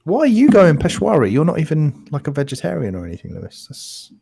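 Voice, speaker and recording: A man's voice: a little high, wildly swooping pitch, fast, creaky, warm tone, breathy edge. A man in his late thirties, co-hosting a live gaming podcast in a teasing, joking casual chat. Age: late 30s. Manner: teasing, laughing. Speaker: podcast co-host.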